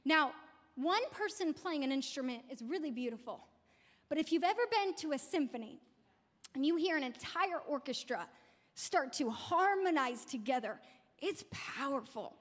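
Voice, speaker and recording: A woman pastor with a very high voice delivers an emphatic sermon, leaning on key words and repeating them. Her voice carries a long reverb tail from a church sanctuary. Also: lively intonation, normal speed.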